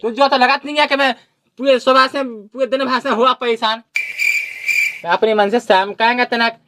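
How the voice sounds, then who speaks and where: A man's voice: very high-pitched, fairly even intonation, moderate pace, very noisy. A man playing an exasperated village husband in a comedy sketch, grumbling at length. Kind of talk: rural comedy sketch acting. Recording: music playing under the voice.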